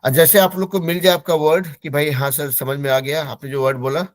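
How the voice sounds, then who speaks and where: A man's voice: a little high, little pitch movement, no echo. Patient male teacher drilling English words. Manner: patient, repeats words slowly for pronunciation drill. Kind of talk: online class instruction.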